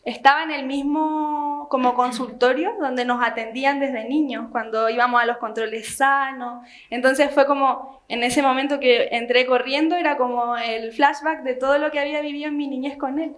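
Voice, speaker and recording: A young woman telling her personal testimony to a church group, earnest and halting, with frequent fillers. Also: sits high, steady tone. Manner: earnest storytelling with many fillers. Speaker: church member giving testimony.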